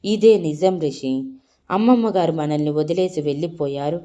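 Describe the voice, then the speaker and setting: A woman's voice: low voice, normal speed, dark tone, lightly acted. Woman voicing a tearful young wife. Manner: tearful, urgent calling out.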